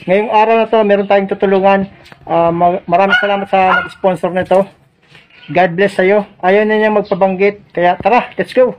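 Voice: mid-range voice, fairly even intonation, moderate pace, highs cut off, slight background noise. A vlogger with a Bicolano accent, talking politely and earnestly outdoors on a rural roadside. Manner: polite, earnest, repeats himself. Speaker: motovlogger. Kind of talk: casual charity vlog chat.

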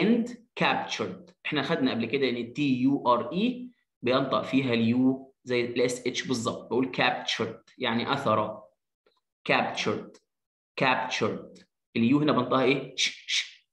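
Egyptian male English teacher, mid-pitched, sounds out words slowly, echoey room. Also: fairly bright tone. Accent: Egyptian Arabic. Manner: reads English slowly word by word, sounds out letters, quick asides in Arabic. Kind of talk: English reading lesson explained in Arabic.

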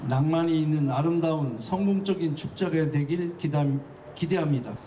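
A man's voice: a little high, normal speed, warm tone. A man reading a formal opening speech into a handheld mic outdoors. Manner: reads from a paper into a handheld mic. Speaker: official giving an opening speech. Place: outdoors at a building entrance. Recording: distant mic at outdoor ceremony with noise.

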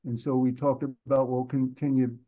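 A man giving a consultant's report in a video-call meeting, measured and detailed, with frequent restarts. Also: medium pitch, little pitch movement, dull audio.

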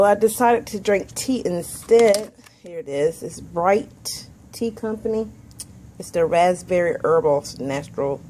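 Her lowish, mellow voice comes through a faint hiss or hum as she vlogs her day indoors at the office, in the car and at home. She's a woman in her forties with a stuffy head cold, chatting and laughing easily toward a phone or webcam held at arm's length.

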